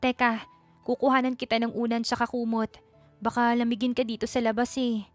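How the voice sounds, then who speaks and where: A woman's voice: fairly high pitch, level tone, a little fast, faint music behind, close to an everyday voice. A woman voicing a timid young provincial schoolteacher who stammers and keeps apologizing in a storybook reading. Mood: flustered.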